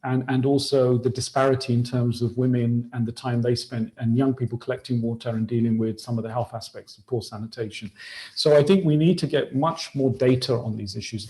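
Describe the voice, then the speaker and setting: A man's voice: mid-range voice, fairly even intonation, a little fast, dark tone, rough recording. A man from Sri Lanka speaking as a panelist in a discussion, often restarting phrases and tagging his points with questions. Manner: frequent tag questions and restarts.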